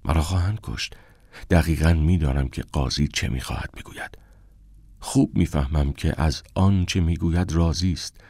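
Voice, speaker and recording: Deep-voiced man reading an audiobook. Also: darkish tone, dry recording, studio quality. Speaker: audiobook narrator. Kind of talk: scripted first-person narration.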